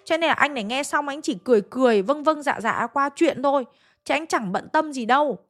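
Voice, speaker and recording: A woman narrates a ghost story in a chatty, conversational manner, turning to address her listeners directly. Her voice sits fairly high for a woman. Soft music plays faintly underneath. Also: animated, fairly quick. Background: faint background music.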